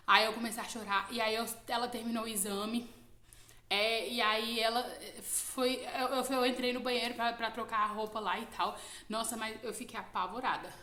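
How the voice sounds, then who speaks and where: A young Brazilian woman with a Brazilian Portuguese accent telling a personal testimony casually, animated and full of fillers. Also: on the high side, echoey room. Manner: animated retelling, quoting others, frequent fillers like "né". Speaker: YouTube channel host.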